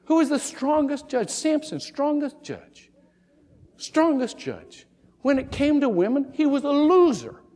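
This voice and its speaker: In a large, resonant room, a pastor preaches in a very high, darkish voice with a sing-song, unhurried lilt. He tells homey, comic stories and briefly impersonates the voices of those he talks about.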